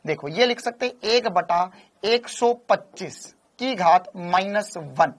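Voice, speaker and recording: Slow and expressive, a male physics teacher speaks in a high-pitched voice during an online coaching class. He fires questions, repeats phrases, and keeps urging viewers to confirm and give a thumbs up.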